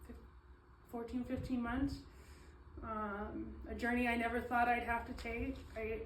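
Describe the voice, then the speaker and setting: Slow, earnest woman reading her poetry. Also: a little high, little pitch movement, slight background noise. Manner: slow and deliberate, with frequent ums and apologies. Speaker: poet reading her own writing. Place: small event space, indoors. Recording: echoey room, mic at a distance.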